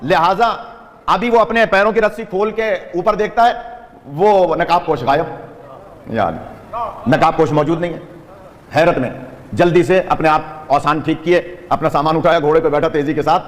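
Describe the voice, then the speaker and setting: A man's voice: fairly high pitch, fairly even intonation. A man preaching at a religious gathering, telling a story with animation, chanting devotional phrases and urging listeners to stay awake. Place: large gathering hall with audience. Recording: long hall reverb.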